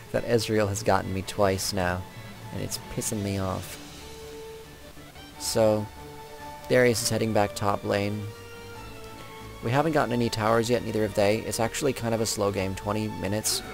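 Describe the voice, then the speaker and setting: Gravelly young man commentating his game. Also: on the low side, steady tone, moderate pace, pauses often. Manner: chatty, rambling, self-correcting. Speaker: gamer commentating his own match. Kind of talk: casual gameplay commentary. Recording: game music and sound effects behind.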